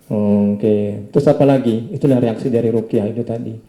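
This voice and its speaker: Male preacher, very dark mellow voice, soft tag-question probing, echoey room. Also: lowish voice, fairly even intonation, moderate pace. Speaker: Islamic preacher. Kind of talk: questioning a patient after a healing session.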